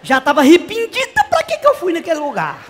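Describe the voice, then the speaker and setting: A man's voice: very high voice, huge pitch swings, fast, in a large hall, background noise, heavily acted. A man playing a brash, naive country woman from the interior, telling a comic story in character. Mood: gossipy. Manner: chatty, exaggerated, squealing cries. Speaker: comedian.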